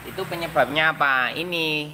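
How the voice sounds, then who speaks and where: A man with a Javanese accent explains a motorbike repair in a bright, fairly high voice. He demonstrates by hand and mimics the clacking of the parts, with a faint hum of workshop noise behind him. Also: moderate pace. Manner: imitates machine noises, mixes Javanese into Indonesian. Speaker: motorbike mechanic.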